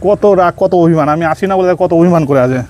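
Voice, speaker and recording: A man talks at a rapid clip in a slightly raised voice. He runs a charity vlog and speaks earnestly and reassuringly, circling back over the same points as he appeals to his viewers. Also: a little high, crowd noise. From Malda, West Bengal. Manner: earnest, reassuring, repeats himself. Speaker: charity vlogger.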